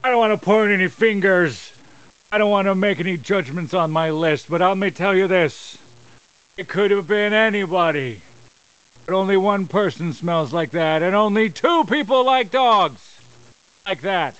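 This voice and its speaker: A man's voice: high voice, normal speed, a bit bright, clean tone, no room sound, dull audio. A man playing an aggrieved pro wrestler cutting a menacing, theatrical promo.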